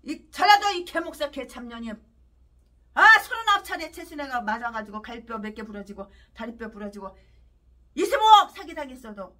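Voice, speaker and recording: Preaching an expository sermon, this woman pastor is emphatic and repetitive, occasionally launching into furious shouting. She sits far from the mic, and her voice is a little high and a little quick.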